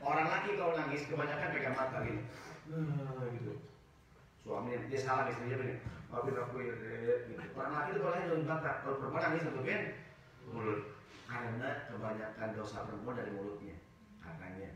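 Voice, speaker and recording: A man preaching in a relaxed, joking way, now and then putting on the whiny voices of people who bring him their complaints. His voice comes from some distance and rings around a large, echoing mosque hall, with a faint hum of the room behind. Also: mid-range voice, quick pace. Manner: acts out congregants' complaints in raised voices, jokes with the audience. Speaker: ustaz giving a study circle talk. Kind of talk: casual humorous sermon. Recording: echoey mosque hall from far off.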